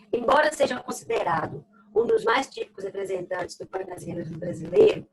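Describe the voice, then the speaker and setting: A woman's voice: high-pitched, gravelly, slight background noise, low-quality recording. A woman with a Brazilian Portuguese accent teaching a literature lesson, explaining step by step, repeating key phrases and checking in with "ok?". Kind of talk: recorded class lesson.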